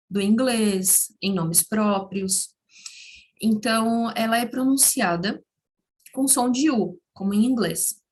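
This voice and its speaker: Slow-paced, patient woman teaching. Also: medium pitch. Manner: patient, repeats words slowly for learners. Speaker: Spanish teacher. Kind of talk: slow explanatory language lesson.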